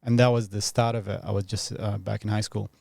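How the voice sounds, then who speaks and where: A man in his thirties from Iraq, talking as a podcast guest in a thoughtful, reflective way, pausing often and laughing easily. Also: lowish voice, little pitch movement, vocal fry, darkish tone, husky, no echo, studio quality. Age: 30s. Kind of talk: casual reflective interview talk.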